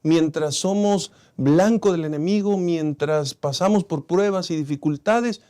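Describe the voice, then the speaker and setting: A program host with a Mexican Spanish accent leads a church lesson program and closes with a warm, encouraging pastoral wrap-up. His voice is a little high and unhurried.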